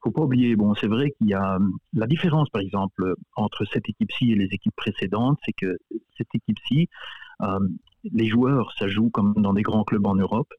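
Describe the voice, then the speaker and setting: Man, guest coach, low-ish voice, halting and repetitive, phone-line audio. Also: husky, no room sound. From Belgium. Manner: hesitant, many repeated words and fillers, laughs often. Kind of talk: casual radio interview.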